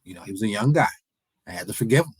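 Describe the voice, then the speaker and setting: A man's voice: lowish voice, expressive, rapid-fire, breathy edge, dry recording, poor audio. A man in his forties giving an earnest motivational speech, repeating his points and imploring the audience. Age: 40s. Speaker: motivational speaker. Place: event hall.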